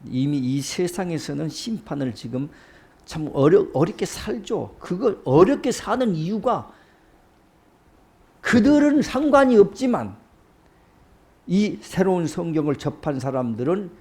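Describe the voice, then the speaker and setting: A man preaching a sermon in an animated way, often tossing rhetorical questions to his listeners. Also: on the high side, unhurried.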